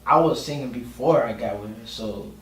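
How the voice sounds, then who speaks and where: This casual podcast guest, a singer and producer from Miami, Florida, speaks informally and leans heavily on slang. He has a mid-range voice at normal speed, captured on a distant mic in a roomy recording with slight noise.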